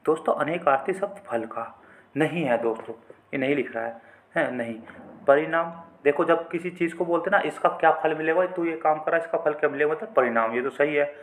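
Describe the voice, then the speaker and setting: A man's voice: a little high, fairly quick. Chatty quiz teacher, man. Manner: chatty, repetitive, addresses viewers as friends. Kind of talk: exam-prep Hindi quiz lesson.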